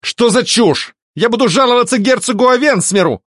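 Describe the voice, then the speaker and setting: A man reading an audiobook, voicing a pompous, panicky nobleman who yells in high yelps. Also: lively intonation, normal speed, no room sound, studio quality, heavily acted. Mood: shrill outrage.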